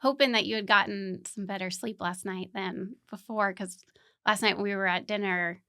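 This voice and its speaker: A woman's voice: medium pitch, fairly even intonation, moderate pace, bright, forceful tone, no room sound, studio quality. A woman hosting a podcast, introducing and interviewing a guest in a conversational style. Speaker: podcast host.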